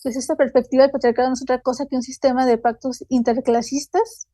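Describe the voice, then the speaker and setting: A woman's voice: high voice, steady tone, mellow, no room sound. A woman with a Mexican Spanish accent giving a seminar talk, hesitant and full of fillers. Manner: halting, many fillers like "este" and "eh". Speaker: seminar speaker. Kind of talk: academic talk, loosely read.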